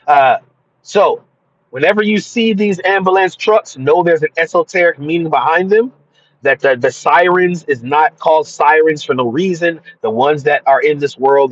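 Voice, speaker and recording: A man's voice: fairly high pitch, dull audio. A man giving an earnest, preachy spiritual talk on his own channel, often restarting his sentences. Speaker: channel host. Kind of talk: informal spiritual teaching monologue.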